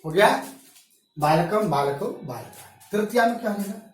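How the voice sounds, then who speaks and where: A man teaching a school grammar lesson in a classroom, reciting word forms slowly and stretching them out. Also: sits high, expressive, soft background music. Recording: very echoey room, mic far off.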